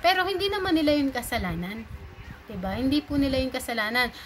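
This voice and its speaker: A woman from Cavite, Philippines, giving a chatty, animated informal talk and mixing in English phrases. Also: high voice, fast. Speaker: speaker giving a talk on bullying. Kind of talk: casual informal lecture. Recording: noisy background.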